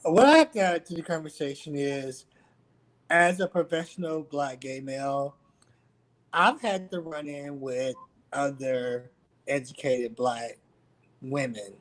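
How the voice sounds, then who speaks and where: A man who is a guest on a panel talk, explaining his view in a measured way with examples. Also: medium pitch.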